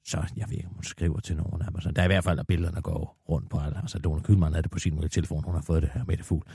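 A man playing a gossipy middle-aged woman in a radio comedy sketch, spilling a scandal in breathless bursts and sudden hushed asides. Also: sits low, flat delivery, vocal fry, husky, no room sound, clean studio sound, full character voice. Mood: gossiping. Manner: breathless gossiping, dropping to a hush.

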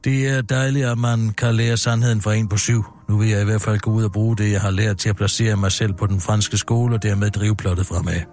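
A man's voice: lowish voice, level tone, hardly any pauses, darkish tone, voice pushed down, natural voice. A man voicing a shy, naive thirteen-year-old boy who answers eagerly.

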